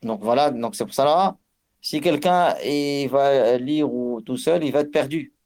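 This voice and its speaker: This religious teacher speaks in a mid-range, somewhat mellow voice at a measured pace. His tajwid lesson covers recitation rules, full of fillers and false starts, with Arabic passages chanted as illustrations.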